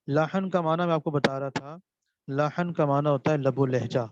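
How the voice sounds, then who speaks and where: A man's voice: on the high side, background noise. A man teaching a seminary class, putting questions to his students and answering them himself while repeating key terms. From Pakistan. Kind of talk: classroom lecture on Quran recitation. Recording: dull dry lo-fi recording.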